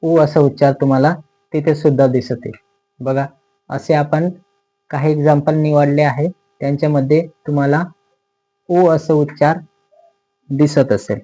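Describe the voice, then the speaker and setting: A man with a Marathi accent teaching English pronunciation in a slow explanatory lesson, repeating each word and its meaning patiently. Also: fairly high pitch, steady tone, dark tone, poor audio.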